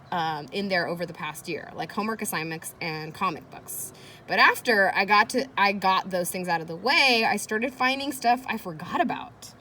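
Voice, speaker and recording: With a medium-pitched voice and a bright, forceful tone, a woman teacher reads a children's chapter book to her listeners, mixing in casual, encouraging asides and questions. The sound of children playing nearby makes the background noisy.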